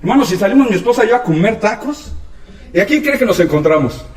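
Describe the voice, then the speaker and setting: A man preaching a sermon as pastor, lively and acting out the voices he quotes. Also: sits high, fast. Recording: echoey hall, from far off.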